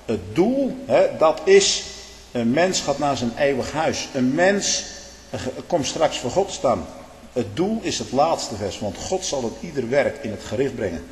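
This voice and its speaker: Male preacher, stern sermon, wide swings in pitch, thunderous then muttering, asks "hè?", long church echo. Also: very animated, measured pace. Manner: swings between booming proclamation and low muttered asides, tagging "hè?" and "hm?"; stern, declamatory, archaic biblical phrasing. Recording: echoey reverberant hall.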